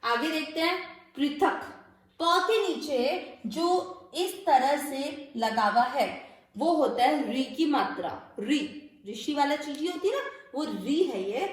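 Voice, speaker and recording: Slow patient woman teaching recitation. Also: high-pitched, animated. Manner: patient, slow, repeats syllables and asks rhetorical questions. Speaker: Sanskrit pronunciation teacher. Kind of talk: step-by-step recitation lesson. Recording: very echoey room.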